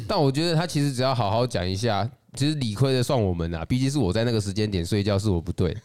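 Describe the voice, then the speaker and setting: A man's voice: mid-range voice, animated, fast, darkish tone. A man co-hosting a podcast in casual chat, adding wry remarks. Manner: wry interjections and short agreement. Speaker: podcast co-host.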